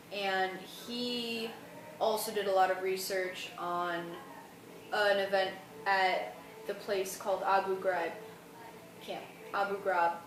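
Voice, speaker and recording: A woman's voice: mid-range voice, a bit bright. A young woman student rambling through a casual, colloquial explanation for a vlog, sounding tired. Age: young adult. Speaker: student vlogger. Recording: roomy, distant mic, faint noise.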